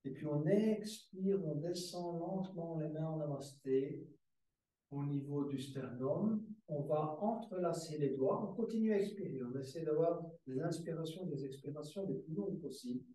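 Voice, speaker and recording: A man teaching a guided yoga class, giving calm, slow step-by-step breathing cues with soft repeated words. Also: a little high. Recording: very echoey room, mic far away.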